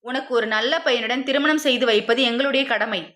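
Woman voicing a gentle worried mother. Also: on the high side, steady tone, a little fast, close to an everyday voice. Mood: earnest. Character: worried caring middle-aged mother.

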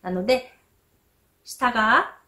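A young woman who grew up speaking Korean, teaching pronunciation in a slow, patient way and repeating each sound as an example. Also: fairly high pitch, sharp tone. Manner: models sounds slowly and repeats them.

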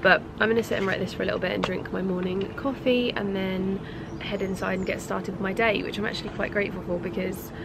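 A young adult British woman vlogging about lifestyle rambles casually to camera on an outdoor balcony, her voice stuffy, gravelly, and medium in pitch. She talks fast with fairly even intonation, and heavy background noise comes through.

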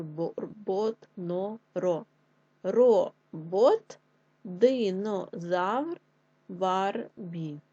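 A woman teaching a young children's class, sounding out syllables slowly and patiently. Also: mid-range voice, mellow, no echo. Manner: slow, clearly spelled-out syllables, patient. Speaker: primary school teacher. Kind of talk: slow online lesson for young children. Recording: dull lo-fi sound.

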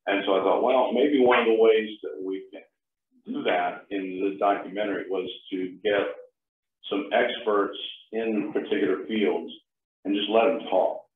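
A man's voice: on the low side, fairly even intonation, moderate pace. A man in his sixties with a froggy, congested head-cold voice, giving an informal talk to a class. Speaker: guest speaker and documentary maker. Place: small classroom, indoors, far camera. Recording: distant mic in echoey room, muffled lo-fi.

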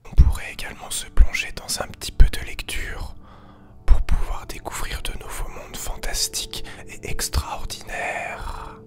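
A young man playing an overly calm relaxation guide in a soft, soothing whispered role-play for a parody ASMR video. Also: lightly acted. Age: young adult. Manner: slow, soothing, deliberately gentle. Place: small bedroom with computer desk, indoors.

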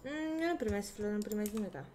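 A woman streamer chatting casually during a game role-play session, quick and reactive. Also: mid-range voice, mellow, a little hiss or hum.

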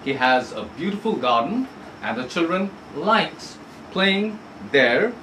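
A male English teacher leads an online class and reads a textbook story aloud. He speaks slowly, with a fairly high voice and a lively, swinging pitch. He keeps asking his students questions and rephrases each point. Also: a little hiss or hum, low-quality recording. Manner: asks students questions, repeats and rephrases for clarity.

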